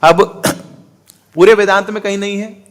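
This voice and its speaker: High-pitched guy preaching, pushy rhetorical questions, chants verses, drops english words in. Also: fairly even intonation, slow pace. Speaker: spiritual teacher. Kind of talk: Hindi religious discourse.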